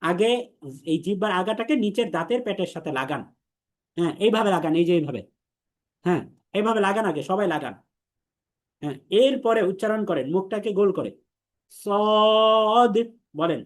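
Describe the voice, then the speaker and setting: A man's voice: high voice, animated. Patient male Arabic-letters teacher. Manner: patient, repeats letter sounds slowly and drills the class. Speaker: Quran teacher. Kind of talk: online class instruction.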